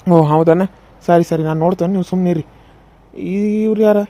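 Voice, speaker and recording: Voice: medium pitch, fairly even intonation, normal speed, mellow, natural voice. A performer doing a soothing village doctor. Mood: reassuring. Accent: North Karnataka Kannada. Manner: soothing, matter-of-fact. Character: reassuring small-town male doctor.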